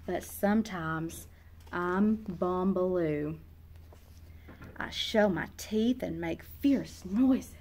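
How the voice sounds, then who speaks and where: Reading aloud in a small classroom or reading room, this thirtysomething storyteller brings a picture book's young narrator to life, voicing the child's emotions with feeling. Her voice sits fairly low and has a darkish tone, and her pace is extremely slow. A faint hiss or hum runs under the recording.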